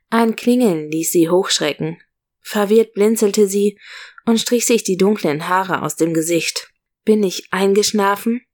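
Calm woman telling a story. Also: mid-range voice. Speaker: narrator. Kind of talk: scripted narration of a story.

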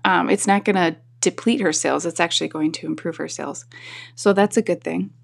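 A woman podcast host with a husky, sleepy morning voice, rambling casually to her listeners. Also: fairly even intonation, fairly quick. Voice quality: husky, slightly deeper morning voice. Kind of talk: casual solo talk to listeners.

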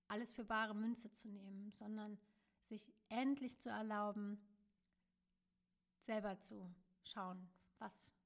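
A woman speaking alone on her podcast in a gentle, searching monologue. Her voice sits in the middle of the usual female range, and her phrases often trail off softly between small fillers. She talks to the listener as if sharing a quiet personal thought. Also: medium pitch. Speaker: podcast host. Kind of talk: reflective solo podcast monologue.

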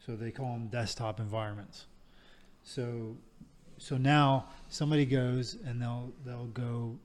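A man chats on a tech podcast in a mellow, darker voice. He halts often and restarts his sentences mid-thought. His pitch is middling. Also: fairly even intonation, unhurried. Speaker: podcast co-host. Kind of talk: casual chat.

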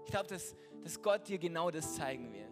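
A man preaching a passionate sermon as pastor, building to loud peaks. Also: fairly high pitch, expressive, brisk. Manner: passionate preaching that swells louder at climaxes. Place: large church hall. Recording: church hall reverb with music behind. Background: soft instrumental music.

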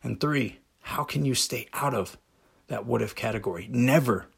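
A man's voice: mid-range voice, moderate pace, creaky, breathy edge. A man hosting a motivational podcast monologue, speaking directly and emphatically with rhetorical questions. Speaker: podcast host.

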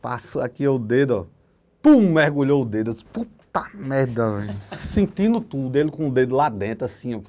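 A young man telling a crude, animated story on a podcast, acting out the voices he quotes. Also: medium pitch, moderate pace. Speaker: podcast guest comedian.

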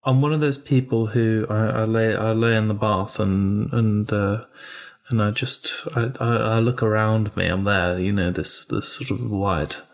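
A man co-hosting a casual chat, halting and rambling with dry humor. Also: on the low side, fairly even intonation. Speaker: podcast co-host.

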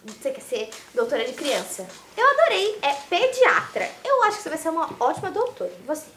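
A woman's voice: high voice, sing-song, fairly quick, a bit bright. Woman, young adult, museum educator, playful, encouraging, roomy studio, noisy background. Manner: cheerful, encouraging, praises often. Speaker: museum educator interviewing children. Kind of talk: playful interview with children.

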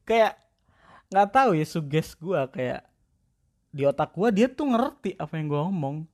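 A man's voice: on the high side, expressive, a little slow, a little mellow. A young man with chatting casually in a self-deprecating monologue. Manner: chatty, slangy, self-deprecating, mimics cat-talk voices.

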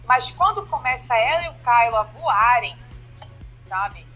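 A woman with a bright, forceful voice sitting a little high in pitch. She talks in a loose podcast chat, animated and critical, dropping casual fillers as she builds her point. Faint music sits underneath. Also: unhurried, highs cut off. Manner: animated and critical, with frequent fillers like 'né' and 'cara'. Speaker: podcast co-host.

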